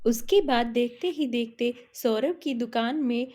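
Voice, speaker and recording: A woman narrating a cartoon story in a plain, even storytelling manner. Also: a little high, measured pace.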